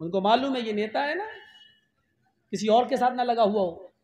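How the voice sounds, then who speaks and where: A man delivering a humorous religious sermon, telling stories in an animated, jokey way. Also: very high-pitched, moderate pace. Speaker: preacher. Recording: long hall reverb.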